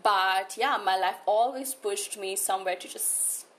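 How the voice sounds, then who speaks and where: Her voice mid-range and a bit bright, this Indian spiritual coach talks a little slowly in an urban New Delhi accent. Interviewed about her own life, she reflects earnestly and emphatically, frequently repeating words for emphasis.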